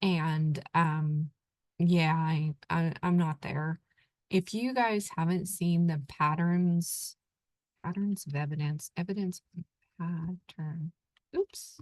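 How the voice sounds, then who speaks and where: A woman's voice: low voice, steady tone, slow, darkish tone, no room sound. A middle-aged woman from Oklahoma hosting a casual screen-share talk, thinking aloud with lots of fillers. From Oklahoma, USA. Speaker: channel host.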